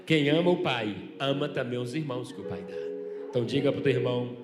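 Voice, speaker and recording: A middle-aged man, a pastor, preaching a sermon with passion, swinging between loud and soft. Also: mid-range voice, fast. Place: church. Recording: echoey church hall with music.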